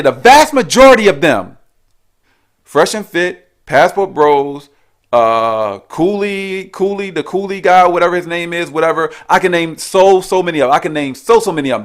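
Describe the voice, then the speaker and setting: A man hosting his own channel, delivering an argumentative, repetitive reaction rant that keeps challenging the person he is answering. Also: a little high. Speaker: commentary channel host.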